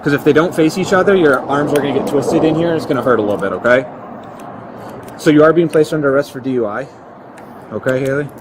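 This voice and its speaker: Higher-pitched male officer, noisy bodycam. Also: quick pace. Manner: methodical, repeatedly checks understanding. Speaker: police officer. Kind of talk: step-by-step procedural instructions. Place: outdoors at a roadside near a patrol car. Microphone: body camera worn on the officer. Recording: noisy outdoor bodycam audio with traffic.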